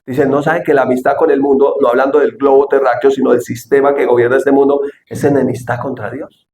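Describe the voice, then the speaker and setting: A man's voice: mid-range voice, little pitch movement, brisk, a little mellow, echoey room, a little hiss or hum. A man preaching a sermon, asking the congregation questions and acting out quoted speech with dramatic voices.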